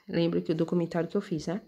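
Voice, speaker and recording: Woman scripture teacher, lowish husky voice, mellow tone, chatty explainer who keeps checking in. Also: steady tone, fast, muffled recording. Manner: conversational, checks in often with "tá?" and "entendeu?"; points at text while reading. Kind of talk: casual explanatory talk.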